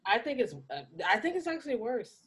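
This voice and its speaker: A woman's voice: fairly high pitch, very animated, brisk, breathy edge. A woman co-hosting a podcast in casual chat. She talks in a heated, emphatic way with frequent restarts. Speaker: podcast co-host.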